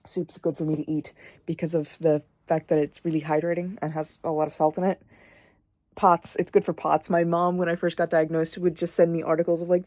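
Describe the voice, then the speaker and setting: A woman's voice: fairly low pitch, mellow, no echo. A young woman chatting casually in a home vlog, rambling and swearing offhandedly as she talks about cooking in her kitchen. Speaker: vlogger. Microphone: camera on a stand nearby.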